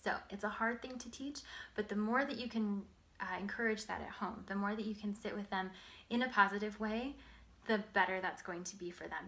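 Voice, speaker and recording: A woman giving an instructional talk to parents as an early literacy educator, explaining in simple, clear phrases. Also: mid-range voice, bright, forceful tone.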